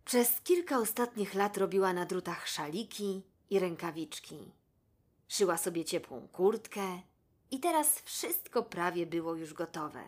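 A woman reading a children's story aloud in a gentle, measured way. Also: fairly low pitch, expressive. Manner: gentle, measured, addresses the listener.

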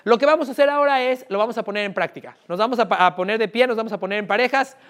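A man's voice: high voice, very fast. A man with a Mexican accent running a live sales workshop, asking the audience frequent questions. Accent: Mexican Spanish. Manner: lively, asks the room questions often. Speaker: sales trainer.

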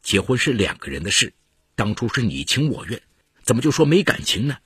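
A man voicing a wronged young husband who insists and protests indignantly, in a husky voice. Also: mid-range voice, big pitch swings, a little fast, fairly bright tone, no echo, clean studio sound, exaggerated voice.

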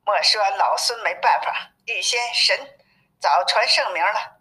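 A woman's voice: mid-range voice, expressive, measured pace, bright, forceful tone. Woman reading as a cheeky boastful monkey king. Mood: teasing. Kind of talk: storybook reading. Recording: narrow phone-like sound.

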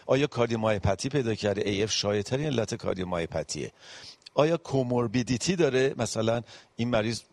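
Gravelly-voiced man lecturing on cardiology. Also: medium pitch, expressive, a little mellow, dry recording. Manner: explains step by step with frequent filler pauses; mixes English medical terms into his speech. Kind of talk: medical panel lecture.

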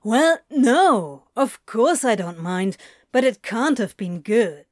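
Woman doing a flustered male demon, blunt, clipped, offhand, unhurried, fairly high voice. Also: sing-song, dry recording, studio quality. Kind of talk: fan audiobook reading.

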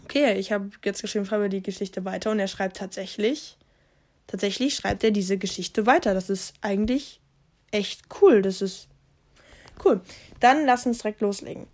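A woman's voice: mid-range voice, moderate pace, darkish tone. A woman reading a story aloud in a casual, unpolished way. She trips over words and corrects herself as she goes, and stops now and then to comment. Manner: reads with slips and self-corrections. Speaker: podcast host reading a story.

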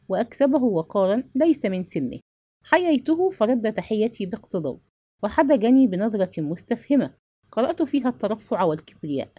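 A woman gives a measured, expressive reading of a first-person novel. Her voice is mellow and dark in colour yet moves widely in pitch, recorded dry and close. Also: dry recording. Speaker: narrator.

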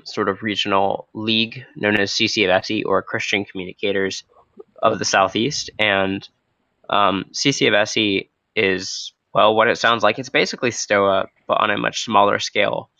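A young man with a low, froggy voice, hoarse from a cold, hosts a podcast off the cuff. His delivery is casual and hesitant, with a bright, forward edge. The recording is close and dry. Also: level tone, moderate pace, no room sound, muffled recording. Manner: hesitant, loosely unscripted. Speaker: podcast host. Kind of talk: casual, spontaneous podcast talk.

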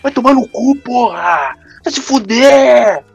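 A man voicing an enraged stranger who walks backwards down the pavement, shouting curses in a high, strained voice. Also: animated, slow pace, creaky, husky, highs cut off, soft background music, heavily acted. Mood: furious shouting. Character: enraged man cursing while walking backwards.

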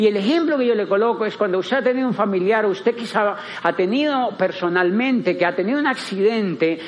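A man's voice: high voice, muffled recording. A man giving a motivational business talk, theatrical, acting out little dialogues and repeating phrases for emphasis. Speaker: motivational speaker.

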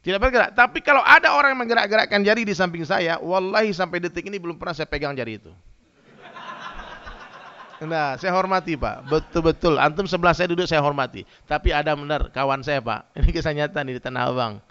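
A man giving a humorous sermon, telling lively stories and addressing his listeners directly. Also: fairly high pitch, fast, smooth. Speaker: preacher. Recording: dull lo-fi sound.

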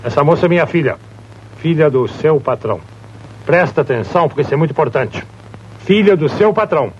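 A man's voice: fairly high pitch, animated, brisk, darkish tone, dull audio, slight background noise, close to an everyday voice. An actor playing a domineering, wealthy boss and father who mocks and orders around his employee. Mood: mocking. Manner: mocking, bossy, theatrical.

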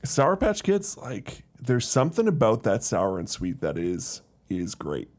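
A man's voice: on the low side, wildly swooping pitch, unhurried, a little mellow. Teasing man co-hosting a podcast. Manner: teasing, with fillers. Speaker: podcast co-host. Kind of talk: casual chat. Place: studio.

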